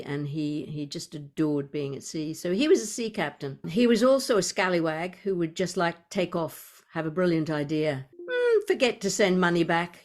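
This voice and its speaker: A woman's voice: lowish voice, a little mellow. A woman in her seventies with an Australian accent, hosting a podcast conversation in a chatty, rambling way. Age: 70s. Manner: chatty, laughs easily, rambling asides. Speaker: podcast host. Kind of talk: conversational interview.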